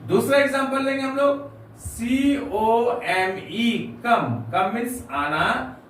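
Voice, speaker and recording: A man giving a grammar lesson, explaining rules slowly and spelling words out letter by letter. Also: extremely high pitch, very animated, a bit bright. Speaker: English teacher. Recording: echoey room from far off with faint noise.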